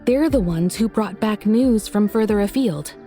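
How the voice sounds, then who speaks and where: A woman's voice: mid-range voice, moderate pace, dark tone, faint music behind, lightly acted. An actress playing an earnest, cautioning woman scout in a video game, speaking carefully. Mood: earnest warning.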